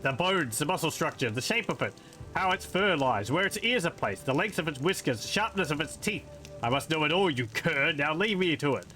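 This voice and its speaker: A man's voice: on the high side, expressive, brisk, pushed and bright, soft background music, pitched above the performer's own voice. A man voicing a creepy male creature disguised as a priest, sneering and obsessive in tone.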